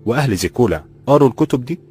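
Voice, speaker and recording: A man's voice: medium pitch, animated, rapid-fire, darkish tone, breathy edge, faint music behind, voice pushed up. Eager young man, voiced by a narrator with an Egyptian accent. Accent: Egyptian Arabic. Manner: colloquial, eager questions.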